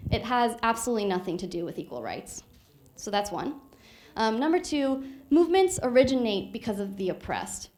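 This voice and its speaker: A woman's voice: medium pitch, darkish tone. A woman gives a short stage talk in an earnest, persuasive way. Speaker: speaker.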